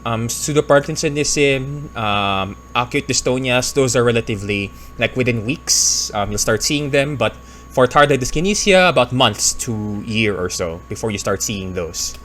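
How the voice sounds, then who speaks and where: A man's voice: medium pitch, expressive, moderate pace, fairly bright tone, a little hiss or hum. Man explaining and thinking aloud. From Philippines. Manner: thinks aloud, hedges and corrects himself. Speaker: pharmacist reacting to a video. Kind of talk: casual explanatory commentary.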